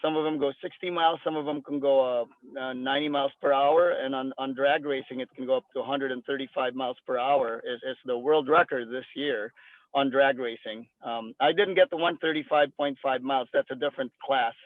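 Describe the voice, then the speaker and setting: On a tinny, phone-like line with no room sound, a Filipino jet ski racer in his fifties gives a casual interview. His mid-range voice is steady and brisk, and he talks loosely with many fillers and restarts.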